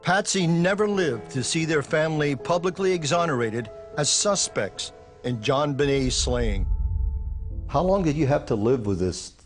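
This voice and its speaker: A man's voice: on the high side, lively intonation, unhurried, soft background music. Male TV reporter narrating a segment. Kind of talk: scripted news narration.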